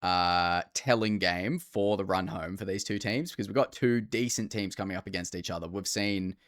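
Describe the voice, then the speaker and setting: A man's voice: low-pitched, normal speed, fairly bright tone, no echo, studio quality. An Australian man co-hosting a podcast, talking casually about sport over a call. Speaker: fantasy rugby league podcast co-host.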